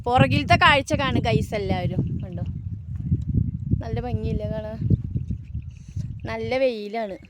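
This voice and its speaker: A woman's voice: a little high, measured pace, long pauses. A woman chatting casually for a vlog, exclaiming often and mixing in English slang. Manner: Malayalam mixed with English slang; exclamatory, full of admiring interjections. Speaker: travel vlogger. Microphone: phone. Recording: noisy outdoor phone video.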